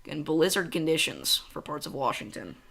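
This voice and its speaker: A young man from central Illinois chats at home while hosting a casual weather livestream and reading the chat aloud. His bright, forward, slightly high voice has some creak, and he talks fast and excitedly, drifting off on tangents.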